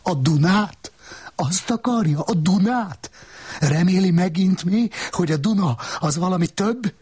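A man voicing a scornful, sharp-tongued woman who needles with mocking questions in a literary reading. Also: sits high, husky, pitched above the performer's own voice. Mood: taunting.

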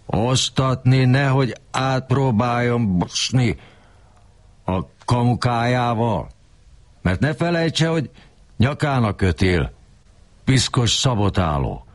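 A man's voice: low-pitched, no echo, pitched above the performer's own voice, close to an everyday voice. A man voicing a bullying middle-aged male handler who scolds and threatens in a harsh, raised voice. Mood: threatening.

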